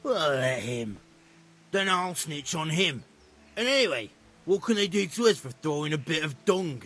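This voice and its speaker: An actor playing a defiant, hot-headed young village troublemaker in a video game, with a rough-edged voice. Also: male voice, on the high side, sing-song, moderate pace, fairly bright tone, faint music behind. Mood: defiant, careless.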